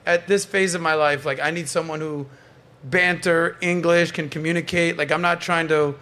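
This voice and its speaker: Hosting a laid-back podcast panel, this Canadian man speaks on the high side at a moderate pace. His storytelling is animated, full of playful teasing and frequent swearing.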